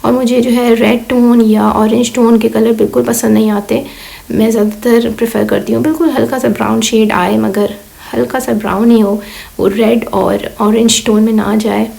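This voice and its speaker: A woman in her thirties from Pakistan, talking slowly through a casual vlog voice-over while hoarse and weak from illness, with many fillers. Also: on the high side, flat delivery, dark tone, poor audio. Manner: slow, rambling, many fillers. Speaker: vlogger.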